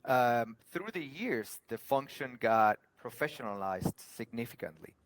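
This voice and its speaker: A man's voice: mid-range voice, expressive, unhurried, no room sound. A man from Argentina, talking earnestly as a guest about his working life. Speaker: podcast guest, HR professional. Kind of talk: conversational interview.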